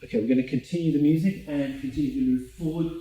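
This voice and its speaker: A man leading a drama workshop, calmly giving movement instructions with pauses, recorded from a distance in an echoey room. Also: on the high side. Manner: calm, guiding instructions with pauses.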